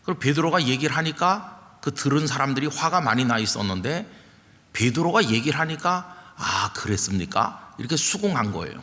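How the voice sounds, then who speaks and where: A man's voice: on the high side, lively intonation, a little fast, pushed and bright. Man preaching in a reverberant hall. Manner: conversational storytelling with acted quotes. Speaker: senior pastor. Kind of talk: sermon. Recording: long reverb from a large hall.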